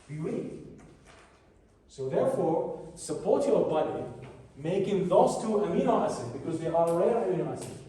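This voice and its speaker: A man lectures a class in a fairly high, mellow voice, stopping and restarting his phrases as he explains. He sounds set back from the mic in a big, strongly echoing room, with a faint hiss underneath. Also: far from the mic. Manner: halting, repeats and restarts phrases while explaining. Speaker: biochemistry lecturer.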